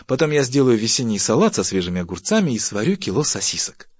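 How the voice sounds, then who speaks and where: A man's voice: medium pitch, sing-song, quick pace, breathy edge, no echo. A man voicing an exasperated, indignant wife who pleads and argues with her stingy husband. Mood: pleading. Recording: dull, dry audiobook recording.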